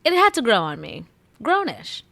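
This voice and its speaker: Bright lively woman, casual podcast chat, emphatic, dry close sound. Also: a little high, vocal fry, no room sound. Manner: animated, emphatic, quick to joke. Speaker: podcast guest. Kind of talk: casual chat about TV shows.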